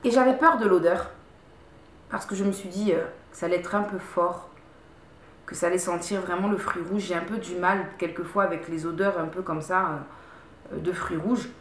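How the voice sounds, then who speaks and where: A woman's voice: lowish voice, steady tone, normal speed, roomy sound. A woman vlogger casually reviewing her favorite products at home, chatty, repeating words and stopping to restart often. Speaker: beauty vlogger. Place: room at home.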